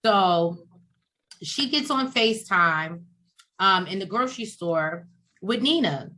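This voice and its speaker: A woman's voice: mid-range voice, expressive, slow, sharp tone. A woman co-hosting a casual recap chat, adding wry quips. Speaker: podcast co-host.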